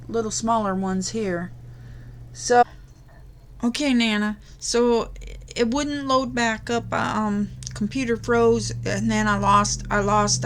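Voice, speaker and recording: Sleepy crafting lady chatting to viewers, slow and gravelly. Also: a little high. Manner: tired, yawning, late-night talk. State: tired. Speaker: crafting channel host. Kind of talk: casual tutorial talk to viewers.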